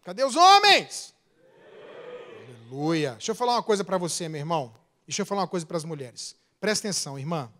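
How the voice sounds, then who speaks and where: A high-pitched man with a Brazilian accent preaches as a pastor. His delivery is animated, swelling loud and then dropping into quick asides.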